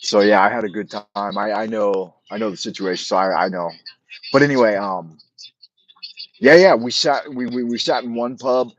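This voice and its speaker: A middle-aged man with a lowish voice, speaking at normal speed, hosts a casual live stream and rambles bluntly, restarting often, repeating himself, and swearing freely. The audio is dull.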